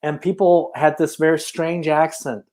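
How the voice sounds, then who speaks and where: As a podcast guest, a Chinese filmmaker whose first language is Chinese tells his life story casually and thoughtfully, pausing and restarting a lot. His voice is fairly high and darkish in tone, with little pitch movement and a moderate pace.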